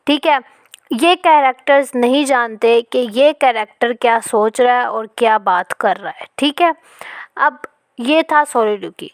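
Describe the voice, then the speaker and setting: A woman teaches a literature lesson, explaining in Hindi and reading English passages slowly. She often checks in with "ठीक है", her voice a little high in a dry recording.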